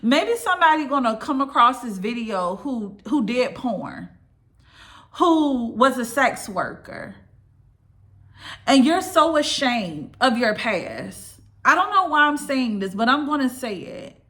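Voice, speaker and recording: A woman's voice: sits high, big pitch swings, slow, pushed and bright. A woman preaching an informal sermon straight to her listeners. She speaks emphatically, repeats her key lines and drops in casual asides.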